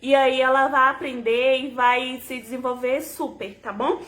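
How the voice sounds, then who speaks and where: Young woman teaching parents reading tips, high bright voice, slow and patient, sounds out syllables. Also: steady tone. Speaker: educator giving parenting tips. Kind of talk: casual tutorial to camera.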